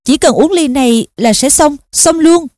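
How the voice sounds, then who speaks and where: A woman's voice: sits high, animated, moderate pace, darkish tone, no room sound, studio quality, voice pushed up. A woman voicing a desperate teenage boy wizard, urging and pleading frantically.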